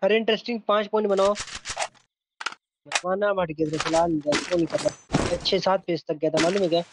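A man's voice: high voice, steady tone, brisk. A young Indian man playing a shooter game with his squad, giving orders and swearing casually. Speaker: squad teammate. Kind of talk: live gameplay chat. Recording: very noisy with loud gunfire.

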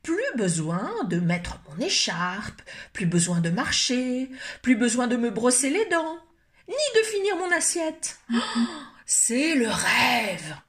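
Woman doing a grumpy little girl, high and whiny, storybook voice. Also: very animated, takes it slowly, a bit bright, a little hiss or hum, exaggerated voice. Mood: contented. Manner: whiny, sulky grumbling.

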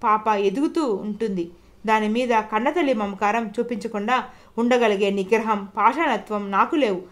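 A woman's voice: medium pitch, normal speed, lightly acted. A woman narrator voicing a grown woman who reads out her sorrowful, resolute farewell letter in an audio novel. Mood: solemn farewell. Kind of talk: audiobook character reading.

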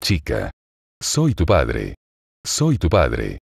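An insistent young father from an audio novel, voiced by a male narrator. He pleads earnestly in a low, dry voice, with no room around it. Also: huge pitch swings, extremely slow, vocal fry, slightly rough, no echo, exaggerated voice. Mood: pleading. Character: young father longing to claim his children.

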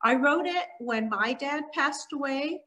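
A middle-aged woman from Montreal, a children's author, giving a talk from her living room over a laptop webcam, with frequent ums and pauses. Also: high-pitched, expressive, sharp tone, rough recording. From Canada (Montreal), born in Hungary. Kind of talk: presentation on a video call. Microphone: laptop webcam on a video call.

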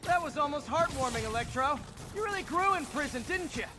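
An actor playing a joking, quick-witted young male superhero in a video game. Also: very high voice, expressive, music in the background.

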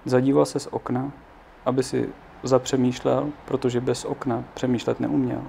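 A man with a gravelly, fry-laden voice reads a children's story aloud at a calm, unhurried pace. His tone is mellow and dark. Every so often he slips in a casual aside of his own. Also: mid-range voice, slight background noise. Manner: unhurried reading with offhand spoken asides. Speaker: narrator. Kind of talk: reading a children's book aloud.

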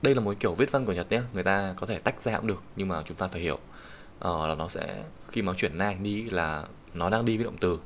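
A man with a Vietnamese accent teaching Japanese kanji in an online lesson, patiently explaining each reading and saying the Japanese example sentences slowly. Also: low-pitched. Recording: faint background hiss and keyboard typing.

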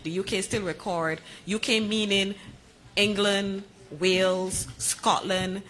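A woman's voice: mid-range voice, little pitch movement, slow pace, fairly bright tone. A woman answering at a press conference, informal and repeating her points.

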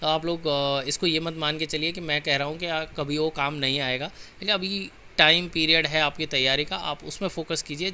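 Indian male tutor, young, very bright tone, slightly high, mixes quick chat with slow dictation of notes. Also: a little hiss or hum. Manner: switches between fast casual explaining and slow dictation-style reading of notes. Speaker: exam-prep teacher. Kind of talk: online exam-prep lecture.

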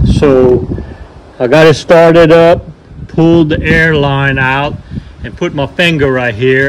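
A man's voice: on the high side, a little hiss or hum, low-quality recording. A man, a vintage outboard motor mechanic, narrating his repair work in a folksy, matter-of-fact way and calling the motor "her". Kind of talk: casual repair vlog narration. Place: workshop and outdoors by the water.

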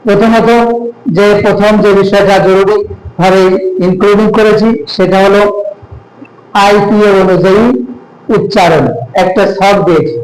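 Man, high voice, echoey room, halting explanation of his grammar book. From Bangladesh. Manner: halting, mixes English words into explanations. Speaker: author of an English grammar book.

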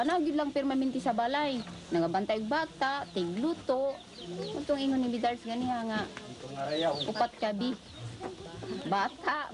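A woman from the Philippines, a co-op member, telling her story in a documentary interview in short, plain phrases. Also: fairly high pitch.

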